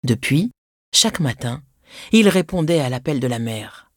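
A woman narrating a children's storybook in an expressive, scripted way, lifting her voice on dramatic words. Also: extremely low pitch, a little slow, no room sound, studio quality.

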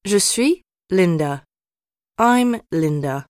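A woman reads short drill sentences at a very slow, deliberate pace. Her voice is fairly low for a woman. The sound is dry and close to the mic. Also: expressive, a little mellow, no room sound. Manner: slow, clearly spaced model sentences. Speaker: reader of example sentences. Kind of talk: scripted language drill.

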